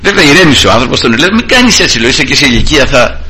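A man's voice: medium pitch, slightly rough. A middle-aged man preaching a sermon to a church congregation, telling personal stories and often calling out to the brothers. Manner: animated, addresses congregation as brothers, tells personal anecdotes. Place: church service.

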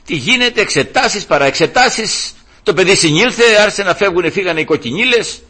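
An older man, a grandfather, preaching and telling a heartfelt story to his congregation, warm and emotional with many restarts. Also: high voice, husky. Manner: emotional, animated, restarts often. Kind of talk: storytelling sermon.

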